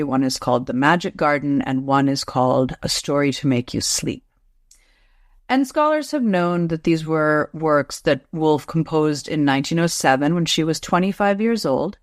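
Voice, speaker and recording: A middle-aged woman who teaches literature answers interview questions carefully, explaining in a measured way and restarting her sentences with care. Her voice is deep, and the recording is dry and studio quality.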